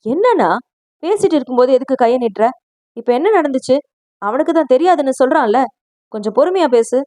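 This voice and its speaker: A woman voicing a protective middle brother who raises his voice to calm a fight. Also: high-pitched, no room sound. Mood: upset. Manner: loud, quick pleading for calm.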